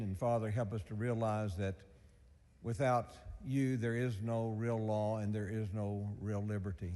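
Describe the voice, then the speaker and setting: A man's voice: fairly low pitch, darkish tone. A man serving as chaplain, giving an earnest opening prayer that keeps addressing Father. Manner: repetitive earnest invocation, often addressing Father. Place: legislative chamber. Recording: long reverb of a large hall.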